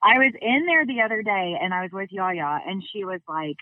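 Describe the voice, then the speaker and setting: A woman talks in a relaxed, chatty way, her voice muffled as if coming through a wall. It reaches the listener over a narrow, tinny phone line. She also sounds set back from the mic. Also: mid-range voice, normal speed, no echo, distant mic. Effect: muffled, as if heard through a wall. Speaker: podcast co-host calling in. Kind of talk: casual chat.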